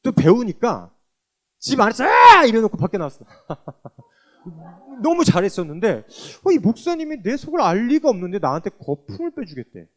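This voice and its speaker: Guy telling his church testimony, voice swings all over, kinda high, acts out little scenes. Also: quick pace. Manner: animated, acts out remembered exchanges. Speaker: church deacon giving a testimony.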